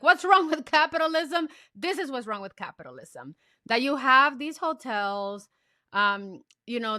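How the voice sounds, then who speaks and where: A woman's voice: a little high, pushed and bright, no room sound, studio quality. A woman author from the Dominican Republic, answering interview questions in an earnest, reflective way that builds to passionate points. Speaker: author guest. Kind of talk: podcast interview.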